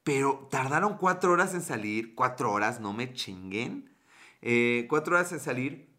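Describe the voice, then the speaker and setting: Bright-voiced Mexican man chatting on a livestream. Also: medium pitch, animated, normal speed. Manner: loose and profane, joking with viewers. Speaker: livestream host. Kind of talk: casual livestream chat reading viewer comments.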